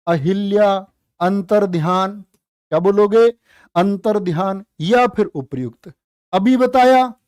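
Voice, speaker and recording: Male tutor for a live class, high voice, unhurried, playful and teasing. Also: a little mellow, dry recording, clean studio sound. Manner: playful, teasing, drawn-out spelling of words. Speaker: Hindi teacher. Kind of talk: live online exam-prep class.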